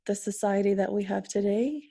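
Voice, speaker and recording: A woman with a mellow, warm voice talks about her research in a relaxed conversational interview. She speaks earnestly and keeps breaking into light laughter between her points. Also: mid-range voice, fairly quick, gravelly, breathy edge.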